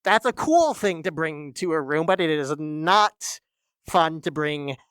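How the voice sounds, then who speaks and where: Low-voiced wry woman reacting. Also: animated, a bit bright, clean tone, no echo, clean studio sound. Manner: musing, halting, wry. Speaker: reaction video host. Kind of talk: casual reaction commentary.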